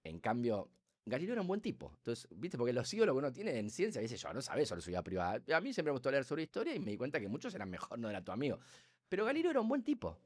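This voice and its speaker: A middle-aged Argentine man with a Rioplatense accent, explaining as a neuroscientist guest in a casual podcast, talkative and animated, acting out quotes and sound effects. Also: medium pitch, racing. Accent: Rioplatense Spanish.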